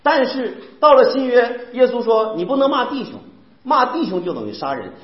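A man's voice: very high-pitched, very animated, moderate pace. A male preacher from Northeast China with a Northeastern Mandarin accent, preaching emphatically and firing rhetorical questions at the congregation. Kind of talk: sermon. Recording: echoey, dull lo-fi sound.

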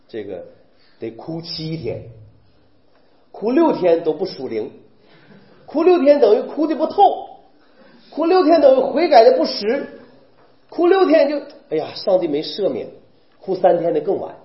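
Animated male preacher, high lively voice. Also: normal speed, pauses often. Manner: animated, rhetorical questions, mimics weeping believers. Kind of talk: sermon. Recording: roomy, dull recording.

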